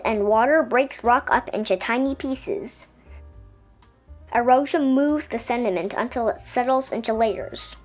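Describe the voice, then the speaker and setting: Over gentle background music, a woman narrates a science picture book for kids from a script. Her high, strongly melodic voice gives an expressive, explanatory storytelling feel.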